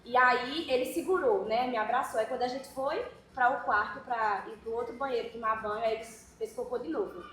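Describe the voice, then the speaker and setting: High-voiced mother telling a story. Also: brisk, few pauses, fairly bright tone. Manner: chatty, anecdotal. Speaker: parent sharing experience. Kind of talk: casual storytelling. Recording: roomy mic with clear background noise.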